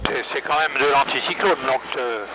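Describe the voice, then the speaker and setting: A man's voice: mid-range voice, moderate pace. A man instructing casually in short, informal phrases over a pilot headset intercom in an aircraft. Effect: cockpit pilot headset intercom. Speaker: flight instructor. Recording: noisy light aircraft cockpit intercom.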